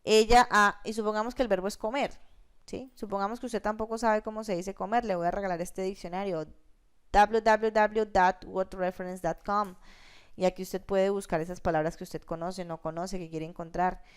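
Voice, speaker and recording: Woman, teacher, recorded grammar lesson, smooth clear voice, step-by-step explanations. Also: medium pitch, fairly even intonation, normal speed. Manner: explains step by step, frequent check-ins like "¿listo?" and "¿sí?". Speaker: English teacher.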